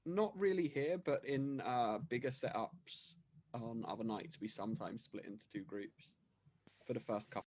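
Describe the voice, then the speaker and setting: A man's voice: mid-range voice, moderate pace, a little mellow, slight background noise. A man in casual voice chat, explaining how the games usually go. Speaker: player in an online party game.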